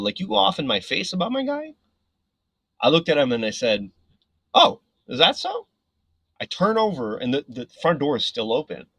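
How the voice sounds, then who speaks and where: Husky, animated male podcast guest. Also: mid-range voice, no echo, poor audio. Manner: animated, filler-heavy, frequent "right?". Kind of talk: casual storytelling.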